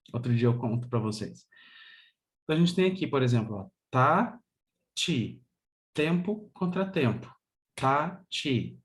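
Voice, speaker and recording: A man from Brazil leads an online music theory lesson at an easy, patient pace, checking in with his students now and then. He explains each step and chants short rhythm syllables to show the beat. His speaking voice sits at an ordinary middle pitch. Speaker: music teacher.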